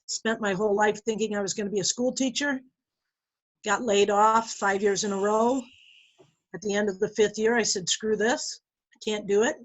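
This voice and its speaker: A woman's voice: medium pitch, low-quality recording. Blunt woman telling a story. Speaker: meeting participant. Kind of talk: personal story. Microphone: video call.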